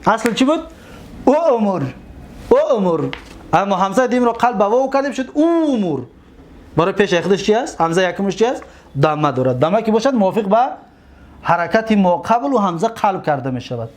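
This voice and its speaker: High-voiced man drilling a grammar lesson. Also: lively intonation. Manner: drilling, repeats forms and asks himself questions. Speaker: teacher of Arabic grammar. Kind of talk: classroom-style lecture.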